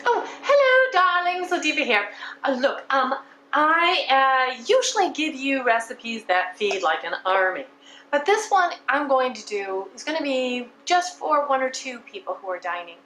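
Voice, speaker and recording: Campy drag-queen-style housewife played by a woman, high voice, chatty cooking show host, theatrical, clear background noise. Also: sing-song, measured pace, pushed and bright, heavily acted, poor audio. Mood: campy, droll. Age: middle-aged. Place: home kitchen.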